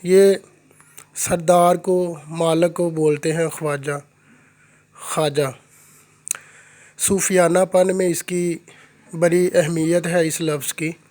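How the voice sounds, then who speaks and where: A man teaching Urdu pronunciation, repeating each word slowly and deliberately in a lesson. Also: on the high side, fairly even intonation, darkish tone.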